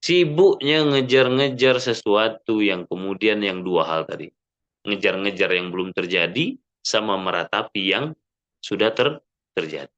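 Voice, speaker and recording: A man giving an Islamic sermon in a mosque, lively and full of rhetorical questions, often checking with the audience. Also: fairly low pitch, measured pace, highs cut off. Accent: Indonesian. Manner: frequent "ya kan?" checks with the audience. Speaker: preacher.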